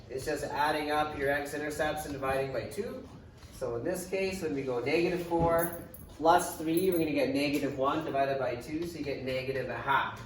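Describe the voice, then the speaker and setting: A man teaching math to a class in a casual, chatty way, thinking aloud as he writes and dropping dry sarcastic remarks. He sounds distant from the mic in a very echoey classroom. A faint hiss sits under his voice. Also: medium pitch. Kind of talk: classroom lecture.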